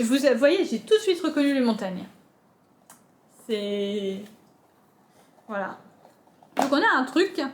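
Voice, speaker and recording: A woman's voice: high voice, a little hiss or hum. A French woman chatting casually as a book vlogger, unboxing with many fillers and restarts.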